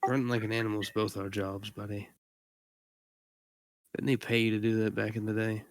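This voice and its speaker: A man's voice: fairly low pitch, little pitch movement, a little fast, no room sound, natural voice. A man voicing a blunt, defensive male knight guard in a tabletop game, in a voice close to his own.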